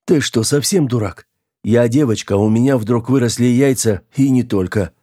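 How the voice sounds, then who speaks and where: A man's voice: mid-range voice, moderate pace, warm tone, breathy edge, close to an everyday voice. A man reading an audiobook, voicing a panicked young woman stuck in a man's body, tearful, pleading and close to hysteria. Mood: panicky pleading.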